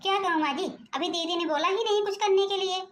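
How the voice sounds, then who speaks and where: A woman's voice: very high voice, quick pace, fairly bright tone, reverberant. A woman with an Awadhi-region accent voicing a cheeky, stubborn young daughter-in-law who answers with mock obedience in a home-made cartoon. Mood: mock-sweet. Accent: Awadhi-region Hindi. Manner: sweetly sly, mock-obedient.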